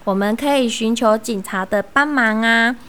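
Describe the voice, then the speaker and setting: A woman reading a children's story aloud in a gentle, sing-song, teacherly way, then talking to kids about the lesson. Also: fairly high pitch, normal speed, clear, resonant tone.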